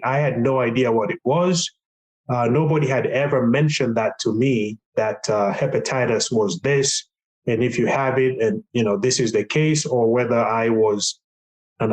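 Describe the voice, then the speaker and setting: A middle-aged man from Tanzania, a patient advocate earnestly and reflectively recounting his experience, with frequent pauses and fillers. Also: medium pitch, rough recording. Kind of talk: recorded podcast testimony.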